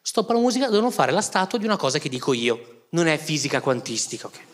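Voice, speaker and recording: A man in his thirties, a comedian telling funny stories in an animated, exasperated way and laughing through his punchlines. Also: a little high, quick pace, slight background noise. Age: 30s. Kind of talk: comic storytelling.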